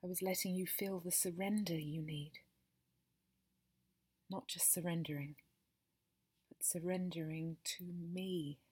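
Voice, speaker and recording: Woman, breathy low voice, slow intimate monologue with whispered stretches, tender and possessive. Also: steady tone. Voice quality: breathy and soft. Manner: tender, possessive, speaks to the listener as baby. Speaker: narrator of an intimate audio story.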